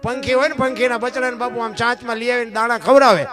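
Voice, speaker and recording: High-voiced man giving a folk sermon. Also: steady tone, fast, music in the background. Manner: rhetorical questions to the listeners, quotes folk verse. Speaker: folk storyteller speaking at a dayro. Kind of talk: folk sermon talk to a live audience.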